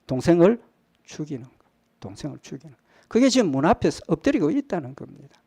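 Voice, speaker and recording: Male pastor, sermon delivery: mellow, gravelly voice, dry close sound, rhetorical questions, phrase ends sink to a murmur. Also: fairly high pitch, very animated, fast talker, dry recording. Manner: rhetorical questions, answers them himself. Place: church sanctuary.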